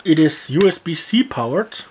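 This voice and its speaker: In a noisy setting, a person with a medium-pitched voice and lively intonation talks at normal speed while tearing down an inexpensive gadget. It's loose, rambling product commentary, heavy on fillers like "yeah" and "uh" and full of grumbled remarks.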